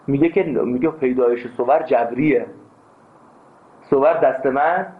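A man teaching a philosophy class, speaking emphatically and breaking into anecdotes. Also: mid-range voice. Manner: emphatic, animated, tells anecdotes. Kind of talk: classroom lecture. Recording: tinny phone-like sound.

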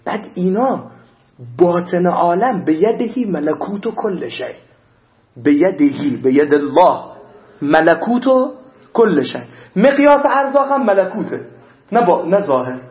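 Guy preaching a sermon, high voice, reciting verses, echoey dull recording. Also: long pauses. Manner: animated preaching, interleaving recited Arabic verses. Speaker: cleric.

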